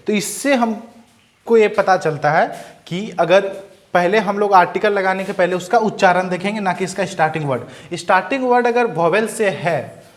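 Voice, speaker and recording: A young man teaching a grammar lesson, who asks questions and answers them himself and sounds words out slowly. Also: sits high. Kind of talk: Hindi-medium English grammar lesson.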